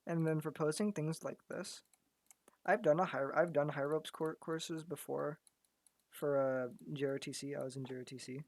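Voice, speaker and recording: A man's voice: a little high, steady tone, normal speed, darkish tone, no room sound. A man giving casual commentary while he works on a digital art piece. He thinks aloud and often repeats words, and his voice is going because he is losing it. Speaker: graphic artist.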